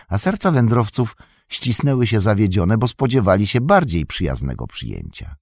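A man narrating a fantasy audiobook in a measured storytelling manner. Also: deep voice, darkish tone, no echo. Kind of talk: scripted narration.

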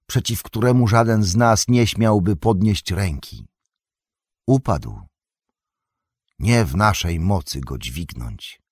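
A young hobbit, calm and merciful yet firm, as a man reading aloud gives him voice, speaks with earnest authority. The husky, gravelly voice sits a little higher than the reader's own. The close, dry sound keeps it intimate. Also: no echo, heavily acted. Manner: earnest and commanding, raised voice. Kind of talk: audiobook reading.

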